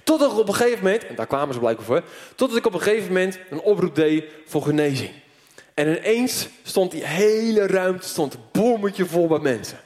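Man, high voice, lively storytelling sermon, long hall reverb. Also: a little fast. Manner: animated, lively storyteller with many fillers. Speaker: preacher.

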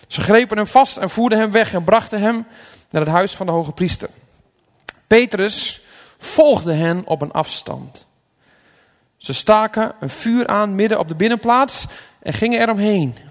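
A male preacher with a high, gravelly voice reads scripture aloud in a dramatic way, swinging from loud declaiming to hushed asides. His voice rings with a long echo, as if in a large church hall. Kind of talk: sermon with Bible reading.

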